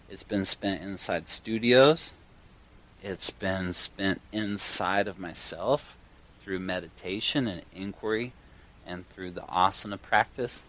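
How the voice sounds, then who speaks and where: A man with a fairly low voice hosts his own show from a garage. He speaks in an earnest, enthusiastic monologue, setting out his phrases deliberately as he addresses listeners directly. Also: fairly bright tone, poor audio. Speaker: podcast host and yoga teacher. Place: in a garage, recording at a home studio setup.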